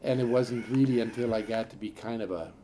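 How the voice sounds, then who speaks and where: An older man's mellow, mid-range voice carries halting, rambling recollections filled with fillers. He comes from a Norwegian-speaking farm family in the upper Midwest and is speaking in an oral history interview, with slight background noise.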